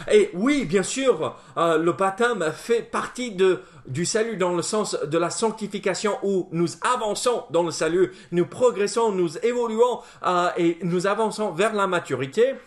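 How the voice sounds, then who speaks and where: A pastor preaches to his congregation in a high voice. He pauses often on fillers and restarts his phrases as he works through his points. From not France. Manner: hesitant, many fillers and restarts. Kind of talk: sermon. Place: church.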